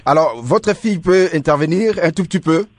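A man's voice: a little high, animated, brisk, no room sound. Male radio presenter, courteous and formal, dry studio mic. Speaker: radio host. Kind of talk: radio call-in moderation.

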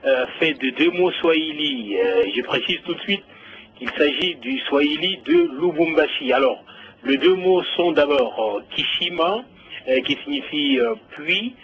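A man's voice: a little high, animated, a little slow. A man, reporting live as a radio correspondent, hesitant with many fillers and restarts. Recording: dull lo-fi radio link.

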